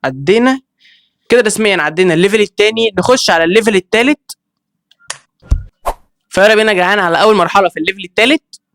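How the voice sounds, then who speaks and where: A man with an Egyptian accent giving excitable let's-play commentary, reacting with quick exclamations and talking straight to his viewers. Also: high voice, dry recording. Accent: Egyptian Arabic. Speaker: gaming video creator.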